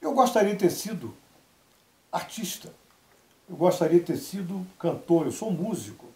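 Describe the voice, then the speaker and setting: On a TV interview show, a high-pitched man from Salvador, Bahia, Brazil, tells relaxed stories about his life, his voice carrying a roomy studio sound. The delivery is measured, with lively asides where he quotes other people.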